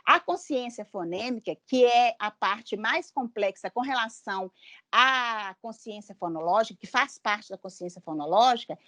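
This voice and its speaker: A woman educator giving parents a patient, explanatory talk, often tagging her sentences with a questioning "né?" and sounding out words slowly. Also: a little high, no room sound, studio quality. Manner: patient, tags sentences with "né?", spells out syllables slowly.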